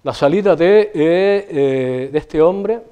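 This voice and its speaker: Middle-aged canarian guy, high voice, ranting and joking into a lapel mic in a small tv studio. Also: slow pace, clear, resonant tone. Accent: Canarian Spanish. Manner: animated, swearing, rambling, gesturing. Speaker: TV show host. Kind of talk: comic monologue to camera. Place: small TV studio with a city backdrop.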